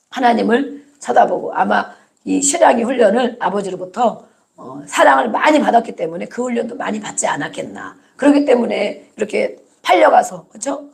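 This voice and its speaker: A woman's voice: on the high side, gravelly, a little mellow. A woman pastor preaching a sermon with emphasis, repeating key words and acting out short quotes.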